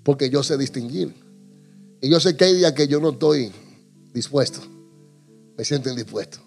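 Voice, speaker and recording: A man preaching a humorous sermon to his congregation, animated and jokey, acting out little scenes. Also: mid-range voice, normal speed, gravelly, soft background music. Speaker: pastor.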